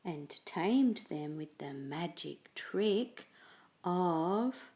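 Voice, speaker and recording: Reading slowly from a children's picture book, a woman gives an expressive storytelling performance, her pitch lively throughout.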